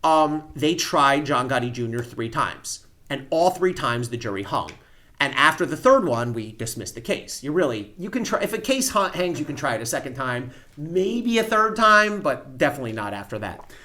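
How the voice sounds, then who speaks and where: A man with a bright, forceful voice tells courtroom stories in a relaxed interview. He speaks plainly and vividly, with a steady middle pitch. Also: normal speed. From United States. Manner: vivid storyteller, plain-spoken. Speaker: former federal prosecutor, guest. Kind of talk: storytelling in a podcast interview.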